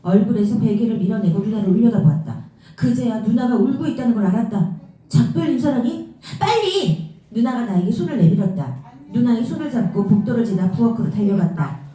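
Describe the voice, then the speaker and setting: Mellow woman reading aloud in an echoey room. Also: medium pitch, quick pace. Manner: steady, storytelling. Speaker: book reader. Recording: very roomy echo, mic far off.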